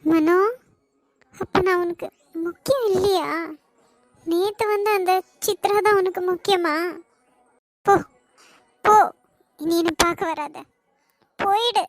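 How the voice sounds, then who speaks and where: A woman's voice: extremely high pitch, takes it slowly, long pauses, no room sound, faint music behind, heavily acted. A woman voicing a lovesick young cartoon woman with a Kanyakumari Tamil accent, pleading and tearful with her ex. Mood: hurt, angry. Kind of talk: cartoon voice acting.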